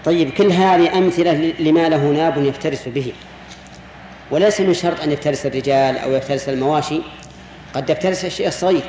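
A man teaches a jurisprudence class as a sheikh, and his voice sits a little on the high side. He explains step by step, repeats his key words and turns questions back to the students. The recording has a long, roomy hall echo and a faint hiss underneath. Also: fast talker, a little mellow.

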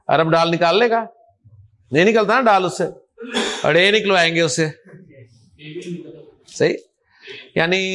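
A man with a notably high voice leads a classroom lesson on Arabic letters. He drills the class patiently, repeating prompts and checking often that everyone understands. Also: fairly bright tone, poor audio. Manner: coaxing, repetitive, frequent checks for understanding. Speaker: Arabic grammar teacher.

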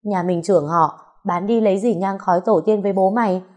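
A woman's voice: medium pitch, a little fast, darkish tone, lightly acted. A woman reading the part of a weary, tearful elderly mother, pleading and complaining. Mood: defensive.

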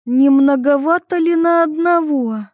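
A woman voicing a sharp-tongued young woman who flares up fast, with high, loud, mocking retorts. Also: no room sound, muffled recording, natural voice. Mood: heated, mocking.

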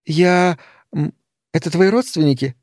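A man's voice: fairly high pitch, measured pace, darkish tone, no room sound, clean studio sound, voice pushed up, natural voice. A man voicing a chatty young woman shop clerk. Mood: cheerful. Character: pretty young woman shop clerk, bubbly then flustered.

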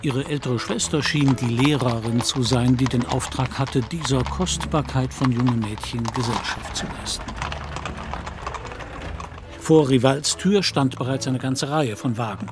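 Music is clearly audible beneath a male narrator as he reads a literary story for an audio drama. His pitch is medium, and he delivers the words with measured articulation.

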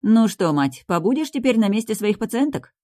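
A woman's voice: medium pitch, sing-song, mellow, dry recording, studio quality, voice pushed up, lightly acted. Woman voicing a bossy, teasing female friend. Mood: brisk teasing. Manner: commanding, teasing, brisk.

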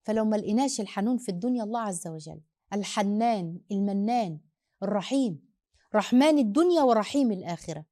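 A woman's voice: mid-range voice, no room sound, clean studio sound. A woman with an Egyptian Arabic accent, hosting and answering listeners' parenting questions in a motherly way, calling the listener her daughter. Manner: rapid, animated storytelling with restarts. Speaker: host and family counselor.

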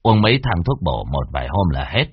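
Man putting on a smug village healer, coarse, brusque, husky, lowish, lo-fi dry. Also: big pitch swings, a little fast, no room sound, full character voice. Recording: dull lo-fi dry recording.

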